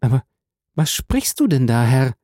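A man's voice: medium pitch, very animated, unhurried, dark tone, no room sound, studio quality, voice pushed up. A man reading aloud voices a devoted young woman who speaks in a tender, pleading, tearful way. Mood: imploring.

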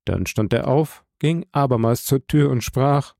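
A man reading a novel aloud as a narrator, at a measured, even pace. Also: mid-range voice, vocal fry, no room sound, studio quality. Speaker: audiobook narrator. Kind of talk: scripted audiobook narration.

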